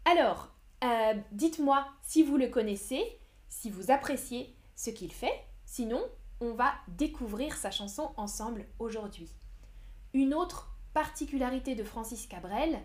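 A young woman teaching French on a live stream, speaking slowly and clearly, explaining words with simpler synonyms and answering viewers' chat. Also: a little high. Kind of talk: live-streamed language lesson, reading chat.

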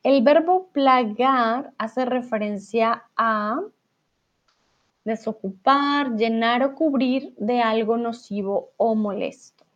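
A woman teaching Spanish in a live online lesson, explaining words slowly and spelling them out letter by letter. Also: a little high, muffled recording.

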